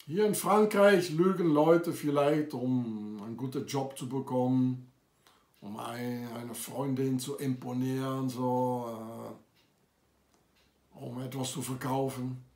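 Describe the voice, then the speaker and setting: A man's voice: mid-range voice, slow, darkish tone, roomy sound. A man delivering an accusatory, insistent monologue to camera, with frequent hesitations. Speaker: video maker. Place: lives in France.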